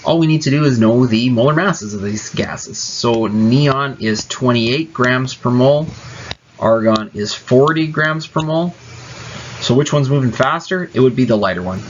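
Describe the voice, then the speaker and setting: Here a chemistry teacher talks at a normal speed in a medium-pitched voice, patiently explaining every step casually and with a few small fillers. It's a classroom explanation captured on a dull lo-fi recording with slight background noise.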